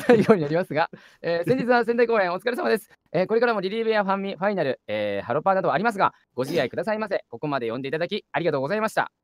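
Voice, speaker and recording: Male radio co-host. Quick and animated, reads fan mail playfully. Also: high-pitched, dry recording, clean studio sound. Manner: playful, lively reading of a fan letter. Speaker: radio show host reading listener letters. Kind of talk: casual radio banter.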